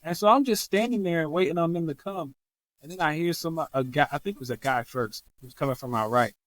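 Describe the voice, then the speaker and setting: A man's voice: on the high side, brisk, no room sound, poor audio. A man, a podcast guest on a remote call, telling his story casually in an interview and acting out the people he quotes. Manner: animated, acts out quoted voices.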